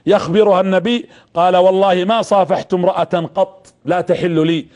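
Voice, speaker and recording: A man's voice: sits high, fairly even intonation, a little fast, a little mellow. A man preaching a sermon, impassioned, telling a story and addressing his listeners directly.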